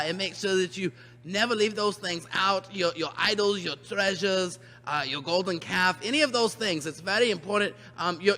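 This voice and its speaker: A man's voice: sits high, pushed and bright. A man presenting to children in a comic rules announcement, mock-earnest, emphatic and repetitive. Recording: long hall reverb.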